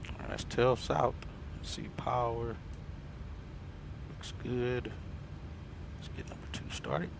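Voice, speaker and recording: A man's voice: medium pitch, fairly even intonation, takes it slowly. A man speaking as an airline captain, mixing casual cockpit chat with procedure callouts. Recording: clear vehicle and air noise.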